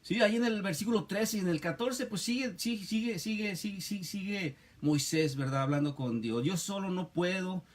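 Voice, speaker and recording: A male preacher with a slightly raised pitch leads a Bible study sermon. He talks in short, emphatic bursts, repeating his points and tagging nearly every phrase with a question to the listener. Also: lively intonation, brisk, hardly any pauses. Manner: constant tag questions, emphatic and repetitive.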